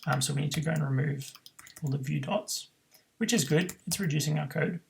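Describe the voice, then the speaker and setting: Casting: male coding tutor, heavy vocal fry, halting think-aloud delivery, faint noise and keyboard clicks behind. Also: a little high, steady tone, poor audio. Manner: thinks aloud with frequent ums and self-corrections. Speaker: programming tutor. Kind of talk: screen-recorded coding tutorial.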